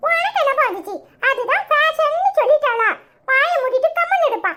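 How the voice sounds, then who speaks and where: A woman doing a shrill teasing cartoon daughter. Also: expressive, brisk, bright, forceful tone, full character voice. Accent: Tirunelveli Tamil. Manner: teasing, scolding. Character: teasing young daughter, sharp-tongued.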